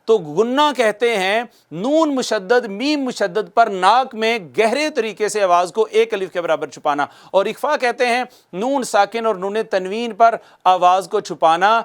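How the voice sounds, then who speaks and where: Man, recitation teacher, high-pitched voice, clear and resonant, repeats points, quizzes viewers. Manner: asks questions and answers them himself; repeats key points slowly for dictation. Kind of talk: recorded video lesson.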